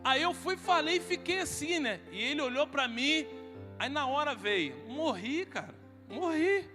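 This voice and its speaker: This humorous sermon story comes from a man with a Brazilian Portuguese accent preaching in a large hall at a men's congress, acting out each line of dialogue. His very high-pitched voice has lively intonation at normal speed, and the hall echoes with faint music.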